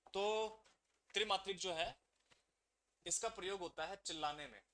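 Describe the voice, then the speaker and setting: A man's voice: sits high, moderate pace, pushed and bright. A man teaching a grammar lesson to exam students. He keeps asking the class questions and then answers them himself.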